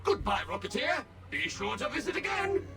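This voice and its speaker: A man voicing an overly smooth, cheerful robot tour guide in a video game. He speaks with polished, sing-song salesman politeness. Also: very high-pitched, big pitch swings, moderate pace, bright, forceful tone, heavily acted. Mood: chipper. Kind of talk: video game character dialogue. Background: game music.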